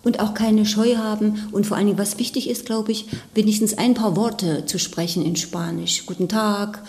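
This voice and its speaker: A woman's voice: medium pitch, steady tone, normal speed, darkish tone. Woman interviewer in a reverberant room. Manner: encouraging, affirming with short backchannels. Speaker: radio interviewer. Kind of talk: casual interview.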